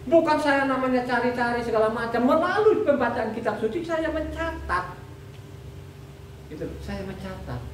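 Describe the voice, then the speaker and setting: A woman's voice: fairly high pitch, animated, moderate pace, a little hiss or hum. Woman preaching in an echoey room. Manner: repetitive, addresses the congregation as "saudara". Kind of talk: sermon. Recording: echoey room, mic far off.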